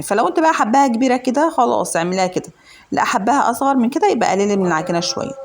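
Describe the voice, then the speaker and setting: A fast, chatty Egyptian woman leads a home cooking video, talking viewers through every step with lots of fillers. Her voice is a little hoarse from a cold. She records in her home kitchen, with a faint background hum. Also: medium pitch. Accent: Egyptian Arabic. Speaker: home cooking channel host. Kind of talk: casual cooking tutorial.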